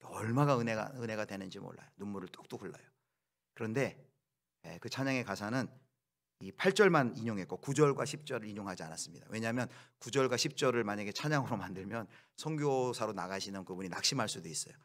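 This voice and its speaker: Korean-speaking pastor preaching with dramatic swings. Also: male voice, fairly low pitch, animated, fast. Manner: preaching with acted quotes and sudden loud outbursts. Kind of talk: sermon.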